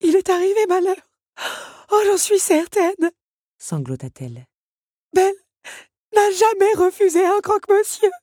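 A woman's voice: sing-song, fairly quick, warm tone, breathy edge, no room sound, clean studio sound. A woman voicing an anxious, motherly teapot housekeeper who frets and weeps. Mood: sobbing. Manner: high, tearful, fretting.

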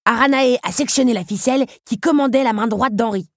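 A woman voicing a clever male beetle who explains what he did in a brisk, lively way. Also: on the high side, dry recording, studio quality, voice pushed up. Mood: pleased.

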